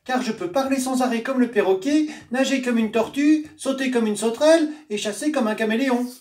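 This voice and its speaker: A woman's voice: a little high, a little fast, a little mellow, voice pushed up, close to an everyday voice. A woman voicing a naive, chattering little swamp creature looking for a friend, in a storybook reading. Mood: eager. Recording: roomy, distant mic, faint guitar.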